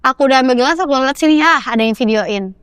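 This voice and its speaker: A young woman telling a story in a casual podcast interview, animated and acting out the voices of the people she quotes. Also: sits high, fast talker, smooth, no echo, clean studio sound. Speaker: guest actress.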